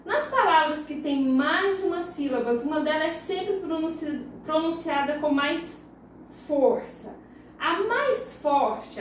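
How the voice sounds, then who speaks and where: A woman's voice: high-pitched, a little hiss or hum. A woman teacher with a Brazilian Portuguese accent giving a recorded lesson for young children, patiently drawing words out syllable by syllable. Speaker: primary school teacher. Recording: very echoey room, voice far from the mic.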